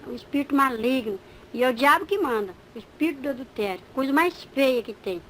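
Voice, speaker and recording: A woman's voice: high voice, expressive, fast talker, a little hiss or hum, rough recording. A woman giving a spoken religious testimony, telling her story with animation and acting out the dialogue. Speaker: church member giving testimony.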